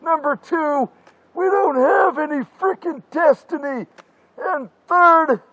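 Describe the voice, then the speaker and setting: A man voicing a weary, older masked slasher who rants in frantic, crude, yelling bursts in a comedy parody sketch. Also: very high voice, slow, no echo, muffled recording, heavily acted. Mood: exasperated.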